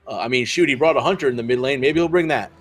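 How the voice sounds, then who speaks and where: Male esports caster, rambling commentary, ordinary mid pitch, faint music behind. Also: very fast. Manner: rambling, filler-heavy analysis.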